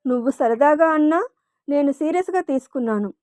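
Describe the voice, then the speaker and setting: A teasing young lover in a read-aloud romance story, put on by a woman narrator. He needles his beloved, playful and sure of himself. The high voice sits close and dry. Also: expressive, a little fast, a little mellow, no echo.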